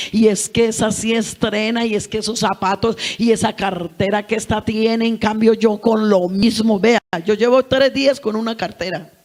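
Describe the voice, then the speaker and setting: A woman's voice: a little high, darkish tone. A middle-aged woman preaching a sermon in a folksy way, acting out little scenes from family life. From Colombia.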